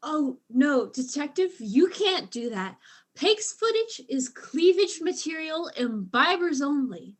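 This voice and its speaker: A woman's voice: sits high, very animated, slow pace, heavily acted. A woman voicing a tipsy, flustered female alien diplomat who is secretly a spy, in a student audio drama, rambling and tripping over her words.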